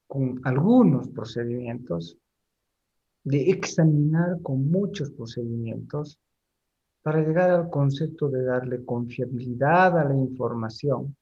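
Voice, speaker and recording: A middle-aged man giving a university class lecture, speaking deliberately, pausing and repeating words as he explains. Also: medium pitch, darkish tone, husky, highs cut off.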